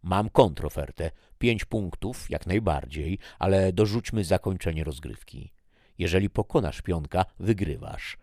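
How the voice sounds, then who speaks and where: A man's voice: sits low, a little slow, darkish tone, no room sound, studio quality. A man voicing Life personified as a bold bargainer in a told story, speaking firmly. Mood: bargaining.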